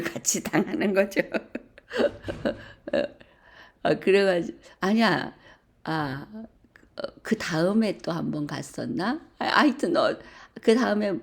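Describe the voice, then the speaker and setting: A middle-aged woman telling a personal story to a church group, animated and full of hesitant fillers. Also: lowish voice, gravelly, slightly rough. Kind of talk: casual storytelling.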